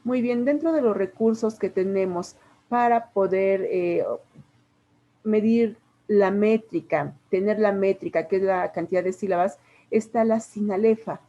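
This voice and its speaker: Mexican lady teacher going thru poetry terms slow and patient, warm voice, kinda muffled lo-fi sound. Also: mid-range voice. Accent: Mexican Spanish. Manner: patient, explains step by step with examples. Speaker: literature teacher. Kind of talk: classroom lesson.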